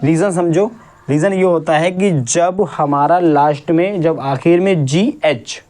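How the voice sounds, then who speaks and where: A male English teacher giving a classroom lesson, asking questions and repeating each point slowly. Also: fairly high pitch, a little mellow. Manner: drills word sounds syllable by syllable.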